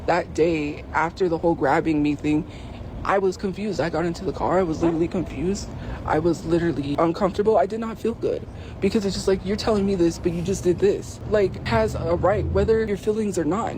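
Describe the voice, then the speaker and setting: High-voiced man rambling outdoors. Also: background noise. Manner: emotional, rambling, many fillers. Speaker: streamer telling a personal story. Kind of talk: casual rambling storytelling.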